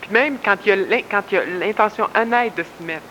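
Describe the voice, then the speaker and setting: A man asking quick, prompting questions in conversation. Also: high-pitched, pushed and bright, in a large hall, slight background noise, rough recording.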